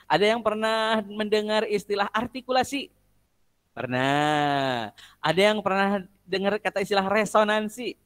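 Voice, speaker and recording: A man's voice: sits high, animated, a little slow, a bit bright, clean tone. A man teaching an online music class, quizzing students with jokes and singing solfège drills. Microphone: video call.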